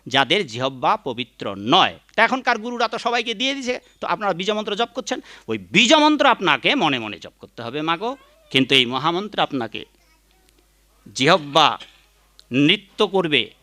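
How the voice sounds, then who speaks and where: Man, devotional sermon, chanting, scolding, high voice. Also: sing-song, a little fast, bright, forceful tone. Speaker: preacher.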